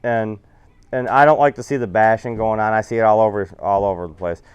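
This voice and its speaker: A man's voice: on the low side, fairly even intonation, a little fast, clear, resonant tone, no room sound, highs cut off. A man giving a casual, rambling, folksy seminar talk about fishing to an audience. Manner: rambling, folksy, self-correcting.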